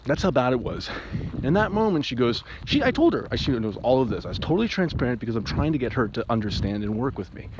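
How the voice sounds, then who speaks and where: A separated father giving an emotional personal monologue, agitated and rambling, with restarts and sudden jumps in pitch. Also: sing-song, fast talker. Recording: muffled, with faint background hiss.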